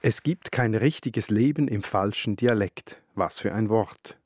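A man hosting a radio culture program in calm, measured announcements. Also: lowish voice, some chatter behind. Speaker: radio culture show host. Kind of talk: radio presenting. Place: radio studio.

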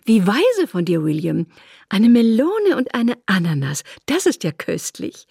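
A woman reading aloud voices a lively, bossy young woman with a creaky, husky voice. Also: mid-range voice, unhurried, no room sound, clean studio sound, heavily acted. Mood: cheerful.

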